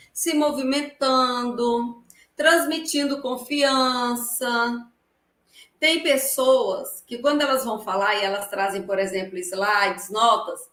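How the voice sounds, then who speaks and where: A woman with a Brazilian Portuguese accent, a lawyer giving a live lecture on public speaking, projecting her voice without a microphone and swinging between loud and soft for emphasis. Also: sits high, a little hiss or hum. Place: room with a live audience. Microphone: no microphone, voice carried across the room. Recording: echoey room, voice from a distance.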